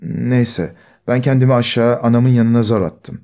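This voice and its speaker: A man reading the part of a young village woman who quietly tells of being wronged, in a soft, timid way. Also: medium pitch, moderate pace, close to an everyday voice. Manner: quiet, timid, restrained storytelling.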